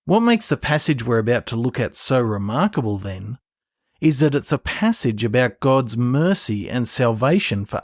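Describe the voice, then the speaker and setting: A man at a middle pitch talks through a Bible passage in an earnest, explanatory way, like a prepared podcast teaching. His voice sounds close and dry, with no room around it. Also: dry recording. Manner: earnest, explanatory, reads scripture aloud. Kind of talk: scripted Bible teaching narration.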